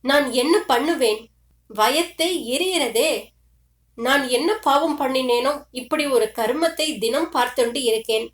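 A woman's voice: high-pitched, a little slow, echoey room. A woman voicing a grieving middle-aged mother who pleads and complains through tears. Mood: lamenting. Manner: tearful, pleading, bitter complaints.

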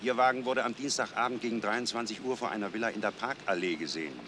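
An actor playing a stern middle-aged police inspector in a 1960s German crime series, on a noisy old soundtrack. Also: male voice, fairly low pitch, fast talker, lightly acted. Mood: brisk, official.

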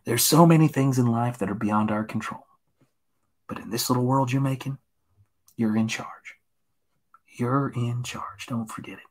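A man from Tennessee talks his way through a painting on a live stream in a slightly husky, mid-pitched voice. His patter is gentle and reassuring, and he often drops to a near whisper while he works the brush. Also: moderate pace, long pauses. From Tennessee, USA. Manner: soft, gentle encouraging patter, often sliding into a hushed whisper.

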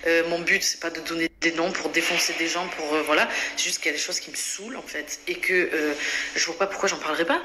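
A pregnant vlogger in her thirties, on bed rest, talks fast in a low voice to her phone held at arm's length, outspoken and chatty with lots of fillers and restarts. She moves through her bedroom and bathroom at home, where the room is echoey and there's background noise.

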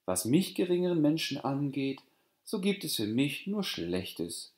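A man voicing a shy, modest young girl in a fairy-tale audiobook, speaking softly and bashfully. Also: a little high, big pitch swings, unhurried, pitched above the performer's own voice. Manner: soft, bashful. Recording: roomy echo.

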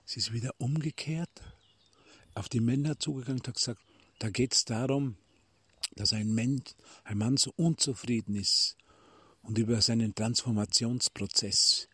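A middle-aged man giving a devotional talk from a retreat, telling a story and addressing listeners as dear ones, sometimes dropping to a hushed near-whisper, recorded as a phone voice message. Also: mid-range voice, slightly rough, dry recording. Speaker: spiritual teacher. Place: retreat in Tuscany.

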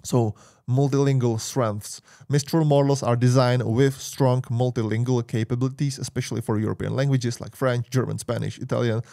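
In a screen-share tech review, a Czech-accented tech YouTuber in his thirties, a native Czech speaker, reads points aloud hesitantly, peppered with "uh" and "you know", before adding offhand comments. His mid-range, dark voice has vocal fry, fairly even intonation and a normal pace, recorded cleanly on a boom studio mic with no room sound and a webcam inset.

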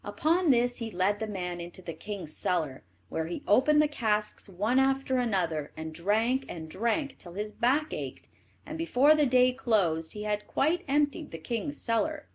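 A woman reading a fairy tale aloud in an expressive storybook manner. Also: medium pitch, a little slow.

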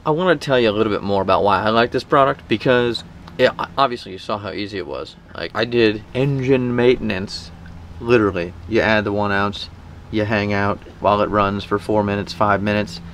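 A man in his thirties hosts a boating vlog, speaking on the low side in a casual, animated explainer style. He chats informally to camera in a sponsored segment from a boat cockpit at a marina outdoors. Faint marina background noise can be heard.

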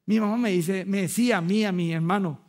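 Male pastor, Paraguayan accent, pitched high, lively sermon delivery with acted-out asides. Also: a little fast. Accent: Paraguayan Spanish. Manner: animated, acts out dialogue, rhetorical asides.

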